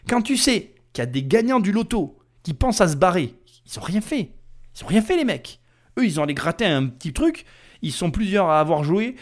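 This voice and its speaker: Male podcast host, angry rant, lively swooping pitch, somewhat high voice. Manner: heated, indignant, addresses listener directly. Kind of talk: ranting podcast commentary.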